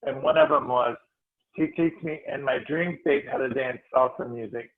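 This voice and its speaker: A man, a spiritual healer, telling a heartfelt story to a meditation group, animated and restarting his phrases. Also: medium pitch, moderate pace. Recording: tinny phone-like audio.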